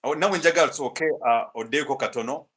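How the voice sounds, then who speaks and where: A man hosting an interview, asking his questions hesitantly with many pauses and restarts. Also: mid-range voice, a bit bright. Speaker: interviewer, host. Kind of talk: interview, mixing English and Luganda.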